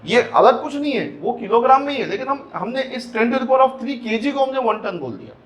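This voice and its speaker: This classroom physics lecture comes from a man whose very high voice is highly animated yet moderately paced. With a Hyderabadi Hindi accent, he explains step by step, blends in English terminology, and questions the class throughout.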